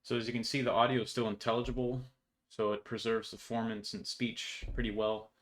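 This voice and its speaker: A young programmer presents his project from a room at home, giving a casual, slang-filled code walkthrough. He talks a little fast in a mid-range, slightly bright voice with a flat delivery.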